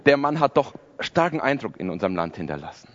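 A man's voice: mid-range voice, sing-song, fast talker, muffled recording. A man in his forties preaching a sermon to a congregation, conversational and self-deprecating. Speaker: pastor. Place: church service before a congregation.

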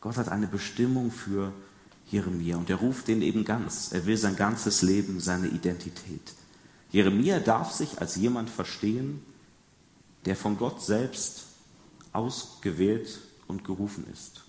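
A man with a fairly low voice preaches a sermon, chatting with his congregation and putting questions to them. He sinks into quiet, soft emphasis on key words. The sound rings through a roomy church with a long, trailing echo. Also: measured pace. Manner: conversational, addresses congregation with questions. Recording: echoey hall with long reverb.

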